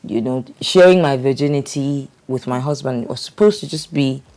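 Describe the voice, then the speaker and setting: A middle-aged woman tells her own story in a candid, conversational way. She often hesitates and starts over, filling pauses as she goes. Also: rumbling low, warm tone. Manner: hesitant, with frequent fillers and restarts. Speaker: guest sharing her life story.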